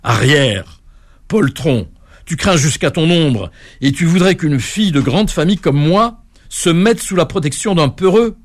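A man doing a shrill, scornful frog wife. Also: expressive, takes it slowly. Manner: shrill indignant scolding. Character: haughty proud female frog, scolding.

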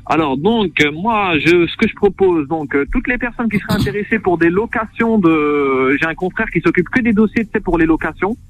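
A man's voice: high voice, brisk, few pauses, highs cut off, slight background noise. Chatty man calling in by phone. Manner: relaxed, familiar, chatty. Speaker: caller. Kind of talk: casual call-in chat. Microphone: phone call.

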